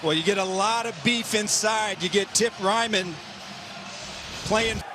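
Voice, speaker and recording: A man offers live football analysis as a color commentator. His voice sits high for a man. Very loud stadium noise runs behind everything he says. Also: unhurried. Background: stadium crowd and ambience.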